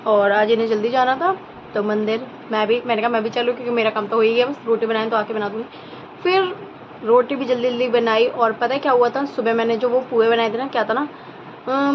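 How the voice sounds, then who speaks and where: Woman in her 30s doing a home vlog, kinda high voice, muffled phone sound, noisy background, chatty. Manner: chatty, laughs often, narrates her chores. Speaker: vlogger. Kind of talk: casual home vlog chat. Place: home, kitchen and a relative's house. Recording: muffled phone audio with clear background noise.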